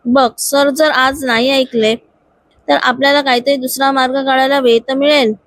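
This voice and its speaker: A woman's voice: high voice, steady tone, normal speed, fairly bright tone. A woman voicing a determined young female office worker who pleads earnestly for her friend. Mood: pleading.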